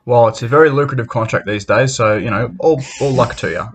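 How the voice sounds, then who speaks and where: A man's voice: mid-range voice, a little fast. An Australian man hosting a casual podcast, bantering in a matey, sweary tradesman's way. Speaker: podcast host.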